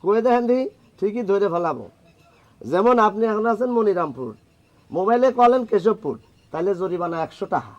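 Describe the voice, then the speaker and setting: Brief: a wisecracking young shopkeeper, high bright voice. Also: male voice, lively intonation, brisk, muffled recording, slight background noise. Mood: teasing. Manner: wry, bargaining, teasing. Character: cheeky young male phone-shop owner, a wisecracking stickler for rules. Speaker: phone shop owner.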